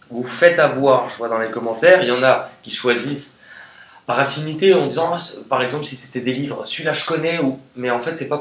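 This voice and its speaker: A man giving a relaxed, chatty tarot card reading in a casual video. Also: medium pitch. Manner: chatty and relaxed, sings snatches of songs. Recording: echoey room with faint noise.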